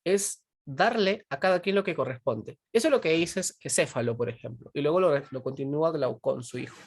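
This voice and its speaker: A woman's voice: low voice, expressive, normal speed, darkish tone, breathy edge, dry recording. A woman teaching a philosophy class, constantly checking in with her students, asking them questions and pushing them to answer. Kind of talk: online pre-university class.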